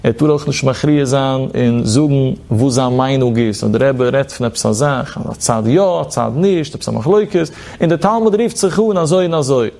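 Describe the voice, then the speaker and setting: A man's voice: mid-range voice, normal speed, gravelly, a little mellow. A man teaching a religious legal text in a lecture, quoting short Hebrew phrases and then explaining each one in his own words.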